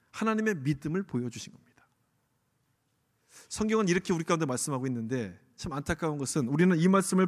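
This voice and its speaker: A middle-aged male pastor preaching a sermon in a church, asking the congregation questions and acting out the inner voices he quotes. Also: fairly high pitch. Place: church sanctuary. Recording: long hall reverb from a church.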